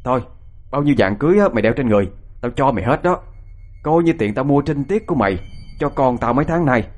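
A man's voice: medium pitch, expressive, fast, voice pushed up, natural voice. A man voicing a harsh older mother-in-law who scolds with contempt. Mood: scornful.

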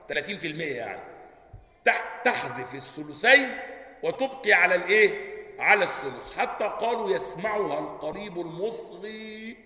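High, bright-voiced Egyptian man teaching. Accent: Egyptian Arabic. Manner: reads a passage, then explains it colloquially with frequent checks on the listeners. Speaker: sheikh teaching Quran recitation. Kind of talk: explaining a classical text line by line. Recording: echoey hall.

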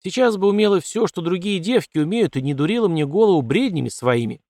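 A stubborn old colonel, played by a male audiobook reader, growling and grumbling at his daughter in a raised, gruff voice. The recording is dry and close, with no room sound. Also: sits high, lively intonation, fast, darkish tone, no echo, pitched above the performer's own voice. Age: older. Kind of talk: audiobook character voice.

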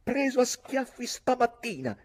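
Hot-headed youth, shrill and strained, loud and swooping. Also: male voice, very animated, measured pace, heavily acted. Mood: shrill fury. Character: hot-headed young Irish lad, shrill and furious.

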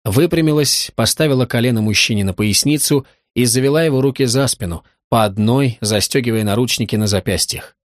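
Steady male audiobook narrator, dry sound. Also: mid-range voice, brisk, few pauses, dry recording. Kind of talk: scripted narration.

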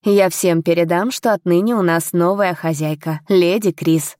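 A loyal, obliging estate steward, read by a woman, respectful and ready to serve. Warm, mellow tone, close and dry as in a storybook reading. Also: lowish voice, normal speed, no echo, lightly acted.

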